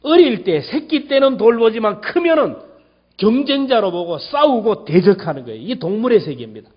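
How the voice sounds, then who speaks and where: A male pastor preaching a sermon with emphasis, repeating key words and swinging between loud and hushed delivery. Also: high voice, very animated, moderate pace. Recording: dull lo-fi church recording.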